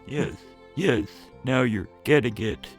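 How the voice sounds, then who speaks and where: A man voicing a stoic robot soldier in a video game, talking on an in-breath in a slow, halting robot voice. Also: mid-range voice, soft background music, natural voice. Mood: monotone. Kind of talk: voicing game dialogue aloud on a stream.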